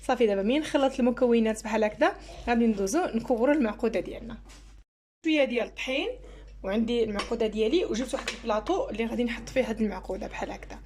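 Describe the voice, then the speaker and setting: A Moroccan-accented woman hosts a home cooking tutorial, talking fast and chatty as she explains every step. Her voice sits a little high, and a faint hum of background noise runs under the recording. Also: darkish tone. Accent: Moroccan Arabic. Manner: chatty, explains each step while working. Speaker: cooking channel host.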